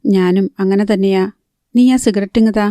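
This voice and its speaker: A woman's voice: mid-range voice, fairly even intonation, moderate pace, mellow, clean tone, dry recording, clean studio sound, natural voice. A woman reading the part of an irritable, sarcastic young man who craves a smoke, in a blunt, grumbling way.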